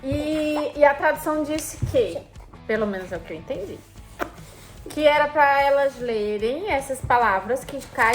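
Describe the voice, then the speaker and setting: Mom vlogger in her thirties, high-pitched, playful, addresses the viewers directly. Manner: chatty, playful, talks straight to the viewers. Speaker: mother and family vlogger. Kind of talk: casual family vlog.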